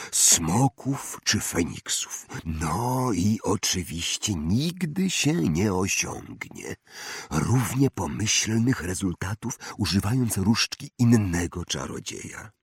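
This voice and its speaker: A man reading aloud voices an old male wandmaker who talks in a slow, hushed, drawn-out way and stares through people. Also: low voice, husky, dry recording, clean studio sound, heavily acted. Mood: fussy. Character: old male wandmaker, eerie, soft-spoken, piercing.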